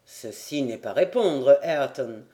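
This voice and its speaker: A reader voicing a measured, low-toned lord. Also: lively intonation, dark tone. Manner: measured, questioning. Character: composed Scottish-born nobleman, expedition leader. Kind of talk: audiobook character voice.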